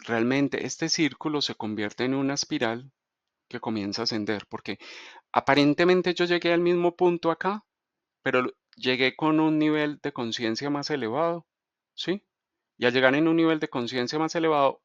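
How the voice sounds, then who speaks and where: A middle-aged man explains a lesson at an even, unhurried pace, drawing on a board as he talks. He keeps checking in with his listeners. The sound is dry and a little dull. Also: mid-range voice, dry recording. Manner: measured, checks in with frequent rhetorical questions. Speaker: teacher of Mayan calendar.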